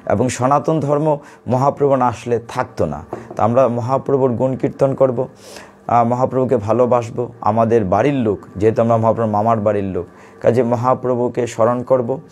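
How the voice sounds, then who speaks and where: A man giving a devotional sermon to a home gathering, reciting verses slowly and then explaining them. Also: medium pitch, fairly even intonation, a little mellow. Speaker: Gita preacher.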